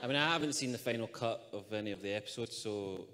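A man's voice: lowish voice, fast, noisy background. A man actor on a festival panel, speaking in a joking, teasing way. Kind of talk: panel talk. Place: festival stage.

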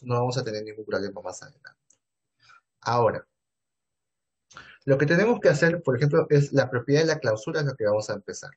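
A man with a Peruvian Spanish accent teaches math in an online class over a video call, posing questions and then answering them himself. His voice is mid-range and slightly rough.

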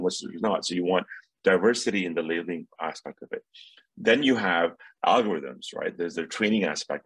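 A man's voice: low voice, breathy edge, no room sound, poor audio. A middle-aged man moderating a panel on a video call with a headset, explaining step by step and tagging points with "right?". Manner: explanatory, frequent "right?" tags. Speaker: moderator, professor.

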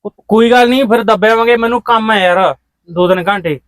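Punjabi-accented man, high voice, brisk and impatient, comic sketch. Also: fairly bright tone, no room sound, studio quality. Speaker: comedy sketch actor. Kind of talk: comic village sketch acting.

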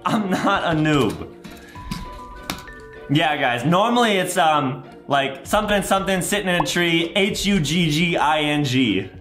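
A young American gaming video host, a young adult, narrates play for children with childlike exaggeration, drama and repetition. His slightly high voice has lively intonation, a measured pace and a bit of brightness, captured in a roomy indoor recording room with background music.

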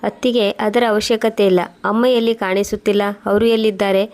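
A woman voicing a loving young married daughter, read in a flat, even way. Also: mid-range voice, moderate pace, lightly acted. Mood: pleading.

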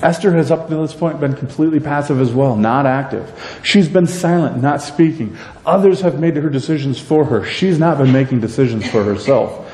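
Middle-aged male pastor, lively conversational preaching, mellow dark tone, slightly raised pitch, reverberant sanctuary. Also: normal speed, few pauses, a little hiss or hum. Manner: animated, gesturing, conversational with frequent "right?". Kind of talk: sermon. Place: church sanctuary with a pulpit. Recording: echoey church hall, voice a bit distant.

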